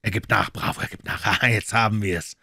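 A man reading an audiobook, voicing an urgent, commanding detective with a brisk delivery. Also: on the low side, steady tone, gravelly, pushed and bright, dry recording, studio quality, exaggerated voice. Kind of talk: audiobook character voice.

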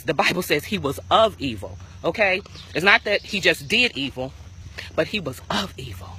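A woman's voice: lowish voice, sharp tone. A middle-aged American woman preaching an impromptu devotional in emphatic, repeated short phrases while out walking for exercise. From Michigan, United States. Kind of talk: impromptu devotional sermon to camera. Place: outdoors on a grassy, tree-lined path. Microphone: phone at arm's length. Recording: noisy outdoor phone recording.

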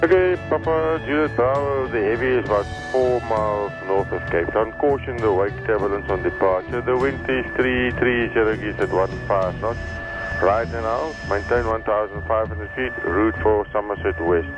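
A man with a fairly low voice speaks as an air traffic controller, heard over the aircraft radio. He delivers brisk, routine instructions in clipped radio phraseology. Music plays clearly underneath the transmission. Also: highs cut off. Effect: cockpit radio transmission.

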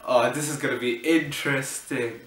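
A man's voice: medium pitch, steady tone, normal speed, a bit bright. A young man with a London accent talking in cheeky, casual slang as he hosts a prank-call video. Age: young adult. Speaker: prank caller and video host. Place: living room, indoors. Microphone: camera a short distance away. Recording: roomy living room with background noise.

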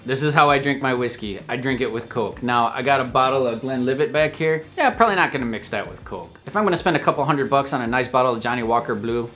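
A man's voice: medium pitch, bright, forceful tone. A man hosting a casual whiskey tasting vlog at home, chatty and upbeat, talking straight to his viewers. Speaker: host of a whiskey review channel.

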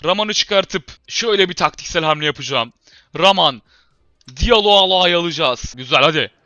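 A man giving live commentary over his football career-mode game, shouting at his players and then muttering when things go wrong. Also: sits high, expressive, moderate pace, dry recording, muffled recording. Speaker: gamer and channel host.

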